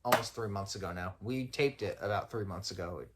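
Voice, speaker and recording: A man's voice: fairly low pitch, fairly quick, a bit bright, a little hiss or hum. A young man hosting a podcast at home, reading aloud and drifting into rambling, self-interrupting chat with frequent chuckles. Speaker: podcast host.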